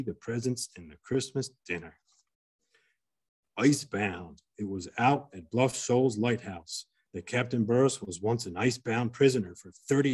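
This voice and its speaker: A male museum curator gives a slide lecture in an auditorium. His voice is husky and sits at a middling pitch. He reads an old article aloud, pausing and restarting as he goes. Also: darkish tone. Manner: reads with pauses and restarts, chuckles at anecdotes. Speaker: museum curator giving a talk.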